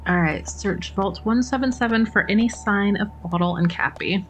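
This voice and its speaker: At a moderate pace and in a mid-range voice, a woman streams a video game with casual, rambling let's-play commentary and self-mocking jokes. Game music plays behind her, along with slight background noise.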